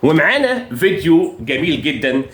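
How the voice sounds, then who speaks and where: A man's voice: on the high side, very animated, fairly quick, a bit bright, echoey room. A man with an Egyptian accent hosting a comedy compilation, teasing in a sing-song voice-over. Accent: Egyptian Arabic. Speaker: compilation host.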